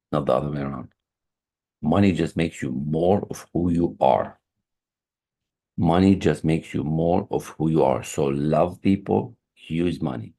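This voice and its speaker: A male high performance coach with a rumbling low, mellow voice and vocal fry runs a motivational online lesson in an online meeting room. The audio comes from a computer mic on a video call, and he talks earnestly, restarting sentences and repeating key phrases.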